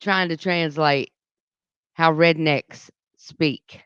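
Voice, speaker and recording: A woman's voice: deep voice, fairly even intonation, extremely slow, a bit bright, clear, resonant tone, no echo, muffled recording. A woman with a Southern US accent co-hosting a morning radio show, reading news items and then chatting casually in a studio. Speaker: radio co-host. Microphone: studio microphone.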